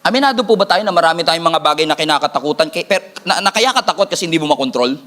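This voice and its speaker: Talking fast in a voice that is a little high, a man preaches as pastor with plenty of energy. He jokes, draws responses from the congregation, and hammers home key lines by repeating them.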